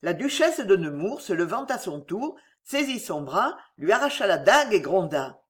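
An audiobook narrator giving an expressive, theatrical reading of a historical novel. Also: mid-range voice, moderate pace.

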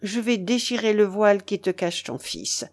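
A woman voicing a solemn older bishop in a read-aloud novel, speaking in grave, measured, admonishing tones. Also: medium pitch, lively intonation, a little mellow, natural voice.

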